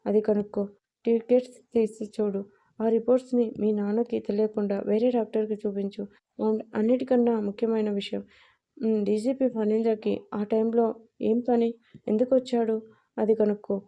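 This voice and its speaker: A protective, shrewd male friend in a storybook tale, voiced by a woman narrator. He asks firm, probing questions in a dark, mellow voice with little rise and fall. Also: on the high side, little pitch movement, moderate pace, lo-fi sound, close to an everyday voice.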